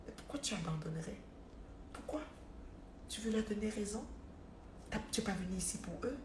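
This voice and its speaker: A woman's voice: medium pitch, a little fast. A woman hosting a live stream, chatting casually and animatedly to her followers, repeating words as she goes. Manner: animated, repeats words, talks straight to viewers. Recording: roomy echo with faint background noise.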